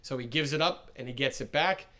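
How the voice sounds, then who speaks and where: A man's voice: mid-range voice, a little fast, bright, forceful tone. A man co-hosting a sports podcast, casually retelling a broadcaster's jokes and breaking down the calls. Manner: chatty, retells announcer jokes with laughs. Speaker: podcast co-host.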